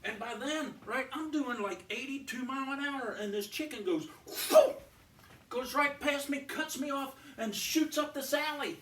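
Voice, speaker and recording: A comedian with a very high-pitched, sharp voice rambles through a long comic joke in a folksy, meandering way, full of restarts and fillers. He talks at normal speed with hardly any pauses, caught on a distant mic in a roomy space with faint ambience.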